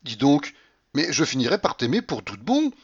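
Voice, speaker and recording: A teasing, coaxing young coquette, as a male audiobook reader puts her on exclaims in a raised voice with lively swings of pitch. She wheedles and flatters, dropping low only for effect. The recording sounds dull and lo-fi. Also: normal speed, breathy edge, exaggerated voice. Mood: cajoling.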